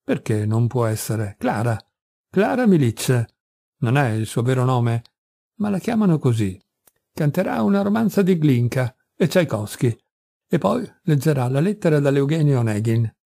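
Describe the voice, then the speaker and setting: A man reading aloud, voicing an eager, lively young male friend who talks persuasively. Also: mid-range voice, normal speed, gravelly, dry recording.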